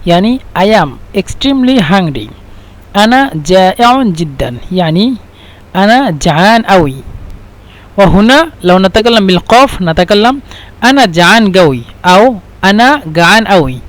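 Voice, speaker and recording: Man, high voice, language teacher, patient and repetitive delivery. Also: fairly bright tone. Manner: repeats phrases slowly, then translates into Standard Arabic and English. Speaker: Arabic teacher. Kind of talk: language lesson.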